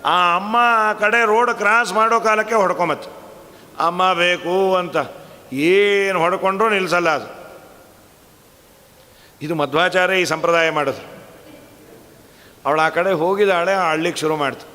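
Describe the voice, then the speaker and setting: A man telling a devotional story in conversational speech and breaking into slow, melodic chanting of verses. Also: high-pitched, sharp tone, long reverb tail. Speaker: religious scholar and storyteller.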